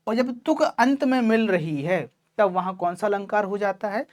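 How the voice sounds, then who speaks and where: A woman's voice: mid-range voice, moderate pace, darkish tone. A woman teacher giving an online class lecture in Hindi, explaining patiently and checking in often with her students, whom she calls child. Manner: addresses students affectionately as child.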